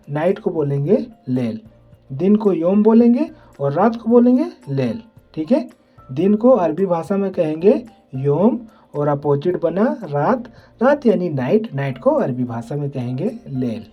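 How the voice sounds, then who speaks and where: A teacher leading a slow vocabulary lesson, saying each word several times and checking in with the listener often. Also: mid-range voice, highs cut off. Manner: slow, repetitive drilling, says "ठीक है" often. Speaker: Arabic teacher. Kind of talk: vocabulary lesson, repeating words.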